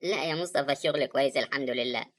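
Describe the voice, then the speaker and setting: Woman doing sad egyptian lady crying over her dead brother, low voice, talks super fast. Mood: sad, upset. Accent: Egyptian Arabic. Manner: tearful, reproachful, fast talking. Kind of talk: animated drama dialogue.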